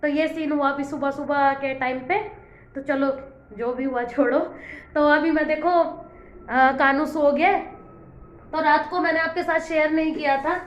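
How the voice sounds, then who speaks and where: A woman's voice: high voice, fairly even intonation, measured pace, reverberant, lo-fi sound. A young woman chatting through a home vlog voice-over, telling a complaining story in a talkative way. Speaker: home vlogger.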